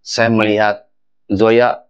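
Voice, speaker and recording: In a low-budget film, a young man plays a son-in-law apologizing and pleading with his furious father-in-law. His voice is low, smooth, and slow with little pitch movement, and the sound is lo-fi.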